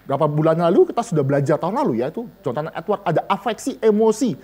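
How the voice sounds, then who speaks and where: Male preacher, animated rising and falling pitch, joking, speaks straight to the congregation. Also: racing, breathy edge. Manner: lively, joking, addresses listeners directly. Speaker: vicar preaching to a women's and seniors' Bible study. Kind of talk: sermon.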